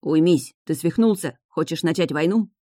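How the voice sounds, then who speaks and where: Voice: medium pitch, moderate pace, dark tone, dry recording, natural voice. A level-headed crown prince who snaps orders and reasons firmly, brusque and controlled, as an audiobook reader puts him on. The sound is close and dry. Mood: stern. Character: stern commanding male heir prince. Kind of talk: audiobook character voice.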